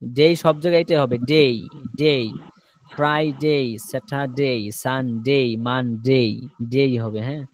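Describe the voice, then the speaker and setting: A man's voice: mid-range voice, steady tone, unhurried, slight background noise. A man from Bangladesh teaching English in an online class on a video call, patiently repeating each word and its meaning.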